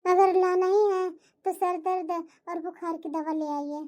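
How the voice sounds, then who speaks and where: A woman's voice: extremely high pitch, steady tone, slow, darkish tone. A woman voicing a modest, polite young daughter-in-law in a family cartoon. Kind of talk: cartoon voice acting.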